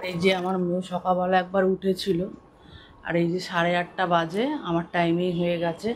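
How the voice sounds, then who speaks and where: A woman with a Bengali accent, chatting casually as she cooks in her home kitchen, keeping her voice soft and slow. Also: lowish voice, completely flat delivery. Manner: talks softly and slowly so as not to wake a sleeping child. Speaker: vlogger. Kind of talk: casual cooking vlog narration. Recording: noisy home recording.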